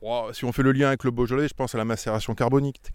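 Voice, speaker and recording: This middle-aged Auvergne winemaker talks through his vineyards in a relaxed interview recorded outdoors among the vines, though the sound is clean and studio-like with no echo. His mid-range voice races along with fairly even intonation, thoughtful and full of repeated words.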